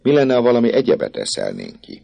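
A man voicing a nervous, boastful male poet who talks in a rapid, fussy patter. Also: medium pitch, wildly swooping pitch, vocal fry, warm tone, no room sound, voice pushed up, heavily acted. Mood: chattering, scheming.

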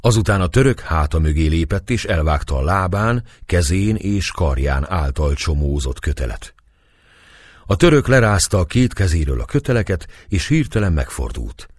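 Deep, husky male audiobook narrator. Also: animated, darkish tone, no echo, clean studio sound. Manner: measured storytelling.

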